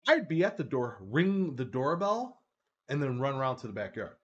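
A man's voice: medium pitch, very animated, normal speed, lo-fi sound. A man in casual chat, telling a story with lots of swearing and a habit of adding "right?". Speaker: co-host.

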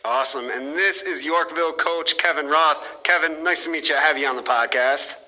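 Upbeat male podcast host, bright voice. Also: a little high, fairly quick, low-quality recording. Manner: upbeat, repeats "awesome" and "perfect". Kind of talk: casual interview.

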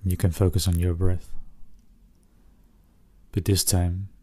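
A man narrating a soothing guided relaxation like a sleep story, speaking gently in short phrases with long pauses. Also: low voice, little pitch movement.

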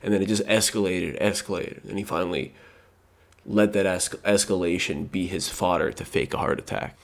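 A man's voice: sits low, steady tone, normal speed, vocal fry. A man co-hosting a podcast, telling a story in loose, swearing, rambling casual chat. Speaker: podcast co-host.

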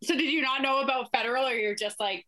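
A woman co-hosting a casual podcast, bubbly and asking lively questions. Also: sits high, quick pace. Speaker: podcast co-host.

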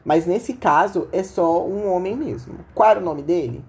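A woman's voice: lowish voice, expressive, moderate pace, a little mellow. Sick woman with a sore-throat voice, Brazilian accent. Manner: chatty, informal, addresses listeners directly. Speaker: podcast host. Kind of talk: casual storytelling monologue.

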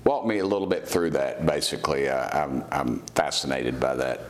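A man's voice: extremely low pitch, moderate pace. A middle-aged man, interviewing in a casual, folksy, informal way. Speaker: interviewer, host.

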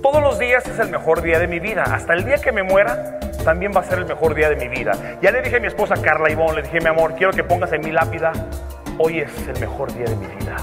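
A man's voice: a little high, lively intonation, quick pace. A man giving an upbeat motivational talk, telling his story with humor. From Mexico. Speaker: motivational speaker. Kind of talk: motivational speech. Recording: music bed playing behind.

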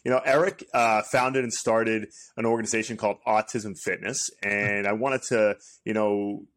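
Lower-voiced male podcast host. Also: steady tone, normal speed, a bit bright. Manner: friendly, loose, many fillers. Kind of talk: casual interview hosting.

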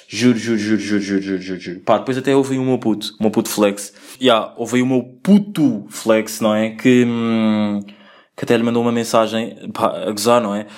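Fast-talking, slangy young man. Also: fairly low pitch, steady tone, darkish tone. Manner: slangy, rambling, lots of swearing and filler. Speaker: podcast host. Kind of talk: casual solo podcast monologue.

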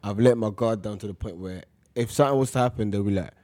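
A man's voice: lowish voice, fast, mellow, no room sound. A young man with a London accent telling personal stories in a casual, slangy chat. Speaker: school staff member.

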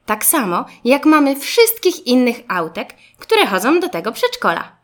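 A woman's voice: high voice, huge pitch swings, unhurried, pitched above the performer's own voice, full character voice. A woman voicing a friendly, reassuring little boy car in a children's storybook, eager and upbeat. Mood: cheerful. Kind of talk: storybook reading.

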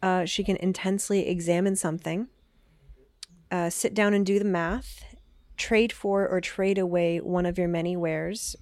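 A woman's voice: lowish voice, fairly even intonation, normal speed, a little mellow, no echo. A woman playing in a tabletop game, tentatively reading options aloud. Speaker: player. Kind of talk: casual tabletop game chat.

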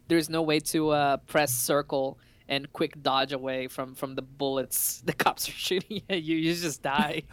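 A lively male podcast co-host telling stories about a game he played. He slips into acted-out quotes and laughs a lot. The recording is dry and close, with no room sound. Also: fairly high pitch, measured pace, hardly any pauses, clear, resonant tone, dry recording. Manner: animated storyteller, acts out quotes, laughs often. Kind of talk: casual chat about games.

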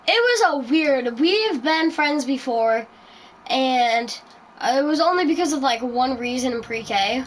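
A woman's voice: high voice, a little hiss or hum, poor audio. A woman hosting a casual podcast chat, rambling through her story with lots of ums and likes. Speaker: podcast host.

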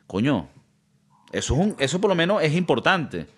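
A man's voice: on the high side, very animated, moderate pace, a bit bright, slightly rough. A man co-hosting a podcast, making dry jokes in mock-formal phrasing. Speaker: podcast co-host. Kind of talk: casual chat.

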